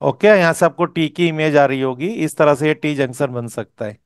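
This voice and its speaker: Man teaching a lesson, clear voice. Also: fairly high pitch, normal speed, no echo, studio quality. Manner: explanatory, checks understanding with "okay?". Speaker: vastu teacher. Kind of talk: explaining while teaching a course.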